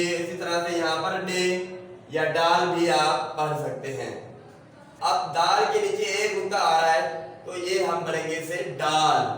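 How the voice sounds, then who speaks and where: A male teacher giving a slow, explanatory alphabet lecture, repeating each point patiently. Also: a little high, fairly bright tone. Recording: very echoey, voice from a distance with faint room noise.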